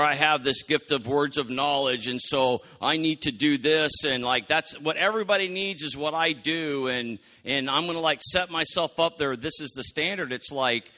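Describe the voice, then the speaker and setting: A man preaching a sermon in a conversational, animated way, often acting out quotes. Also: fairly high pitch. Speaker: pastor.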